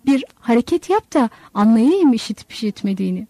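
A woman's voice: a little high, very animated, brisk, warm tone, no echo. A woman voicing a crafty, bossy old male fisherman who sweet-talks and gives orders. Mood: sweet-talking. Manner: sly, bossy, sweet-talking.

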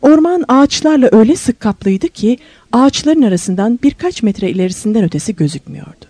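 A woman's voice: mid-range voice, dark tone, husky, no echo. A woman narrating a novel aloud as an audiobook reader, telling the story expressively and lifting her voice for questions and moments of wonder.

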